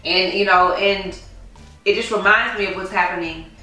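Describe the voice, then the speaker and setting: A woman's voice: medium pitch, steady tone, normal speed, bright, forceful tone, soft background music. A woman co-hosting a podcast in casual chat, emphatic and outspoken. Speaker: podcast co-host. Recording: echoey room, mic far off.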